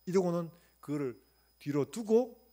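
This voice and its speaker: A man's voice: sits high, lively intonation, a little slow, mellow. A male pastor preaching a sermon in a church, asking the congregation questions and acting out quotes.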